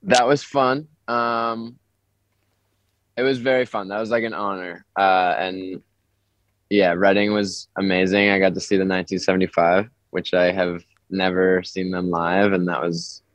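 A man, a young touring musician, talking over the phone in a relaxed, rambling way with lots of filler words. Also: low voice, a little slow, no room sound. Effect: heard over the phone. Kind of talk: casual phone interview. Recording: dry, muffled phone line.

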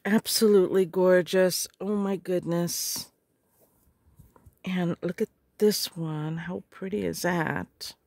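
A middle-aged woman, a little hoarse, chatting casually and gushing as she opens craft supplies. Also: on the low side, fairly even intonation, darkish tone, no room sound. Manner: gushing, slow and murmuring. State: hoarse, clearing her throat. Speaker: craft vlogger. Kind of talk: casual unboxing chat.

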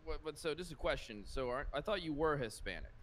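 Man, quick talker, bright lively voice, excitable, faint noise. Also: on the high side. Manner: excitable, swears freely. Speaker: roleplay player. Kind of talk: casual in-character banter.

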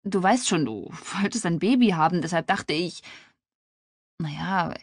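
Comforting best friend, gentle and level-headed, as a female narrator plays her. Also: fairly low pitch, animated, measured pace, husky, dry recording, studio quality, full character voice. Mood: soothing. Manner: soothing, gentle. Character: calm, pragmatic, comforting woman friend.

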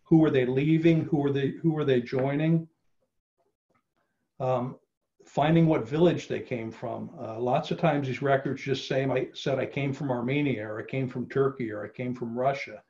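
A man's voice: mid-range voice, fairly even intonation, normal speed, dark tone. Middle-aged man presenting over video call. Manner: casual, many fillers and restarts. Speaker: genealogy presenter. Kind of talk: online presentation talk. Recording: slightly dull video call audio.

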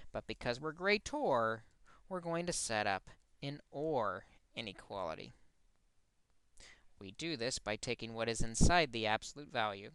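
Dry gravelly male math teacher. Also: mid-range voice, fairly bright tone, dry recording. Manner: explains step by step, corrects his own slip. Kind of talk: recorded math lesson.

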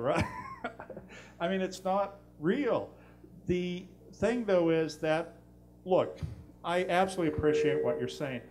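A middle-aged man, a guest speaker answering audience questions, blunt and animated with jokey asides. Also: a little high, slight background noise. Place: lecture room in a library. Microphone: handheld mic.

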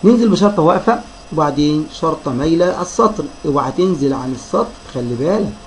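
A man with an Egyptian Arabic accent narrates a reading lesson for young children, stretching each syllable as he drills the sounds. His voice sits a touch high, and a faint hiss runs underneath it. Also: expressive, quick pace, poor audio. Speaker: teacher.

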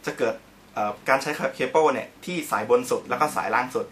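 A man's voice: medium pitch, fast, fairly bright tone, a little hiss or hum. A man teaching in a casual instructional video, chatty and polite, explaining each step while he demonstrates on the guitar and records himself on his own camera. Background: guitar playing.

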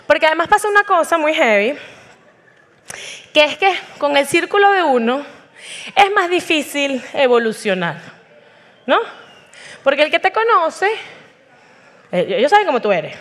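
A woman's voice: sits high, sing-song, moderate pace, pauses often, fairly bright tone. A woman giving a chatty, self-mocking testimony talk on an auditorium stage before a live audience, acting out the voices in her quotes. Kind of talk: humorous personal testimony talk.

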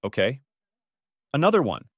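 A man's voice: medium pitch, wildly swooping pitch, normal speed, husky, dry recording, studio quality. A man narrating a screen-recording tutorial, explaining each step plainly and in order.

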